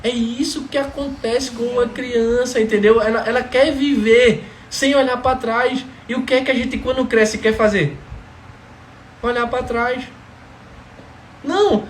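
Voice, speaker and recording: A man's voice: very high voice, unhurried. A man, talking casually and emphatically about his family as a father and often checking that he is understood. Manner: animated, emphatic, keeps asking "entendeu?". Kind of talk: casual testimony talk. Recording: echoey room with faint background noise.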